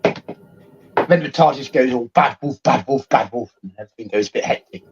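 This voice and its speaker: A man's voice: medium pitch, a little fast, slightly rough, dull audio. A man chatting casually on a stream while his online call audio keeps dropping out and fading. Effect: online call audio dropping out, mic fading. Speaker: stream co-host. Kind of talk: casual chat.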